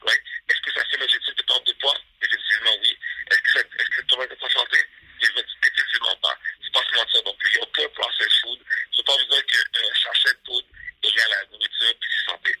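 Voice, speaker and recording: Husky man coaching over the phone. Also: mid-range voice, fairly even intonation, fast talker, bright, forceful tone, no echo. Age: 30s. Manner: repetitive, peppers talk with "right?". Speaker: fitness coach guest. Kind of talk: casual interview over the phone. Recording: phone line.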